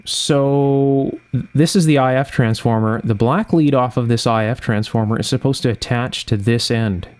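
A man with a medium-pitched, slightly mellow voice speaks at a moderate pace. He is an electronics repair channel host at an indoor workshop bench, working through a hands-on repair step by step and thinking aloud methodically, with no script.

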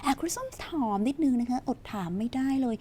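A woman's voice: high-pitched, brisk, dark tone, slight background noise. A woman teaching English from a news story in a chatty, playful way, quizzing her viewers and answering herself, and reading English.

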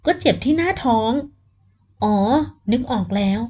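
A woman narrating a romance novel audiobook in a steady storytelling voice. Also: on the high side, moderate pace.

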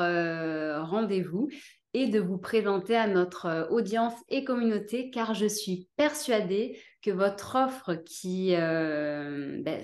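A woman's voice: mid-range voice, darkish tone, roomy sound. A woman in her thirties hosting an interview over a video call, talking in a chatty way with many fillers. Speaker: host, interviewer. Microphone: webcam on a video call.

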